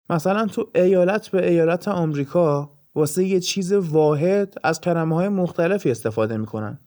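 A Persian-accented man from Iran hosts a podcast in a scripted monologue, with a voice that sits a little high. He explains step by step and lists ideas in short phrases. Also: darkish tone. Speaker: podcast host.

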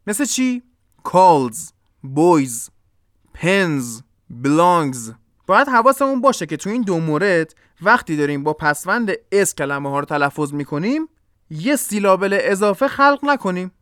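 Podcast teacher demonstrating English sounds slowly. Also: mid-range voice, a bit bright, clear, resonant tone, dry recording, studio quality. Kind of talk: podcast lesson on English pronunciation.

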